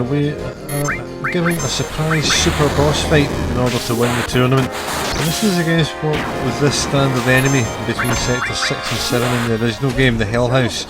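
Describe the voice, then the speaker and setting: A man with a mid-pitched voice gives a casual game review. He explains in a measured, halting way with frequent pauses, while loud game music plays behind him. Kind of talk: casual review commentary over gameplay. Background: game music and dialogue.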